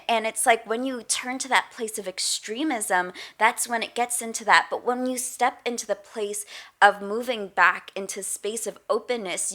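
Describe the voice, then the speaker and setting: A woman with a bright, clear-edged voice talks as a podcast guest. Her delivery is earnest and reflective, unhurried and conversational. She often pads her thoughts with "like" and "you know". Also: mid-range voice. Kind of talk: casual interview conversation.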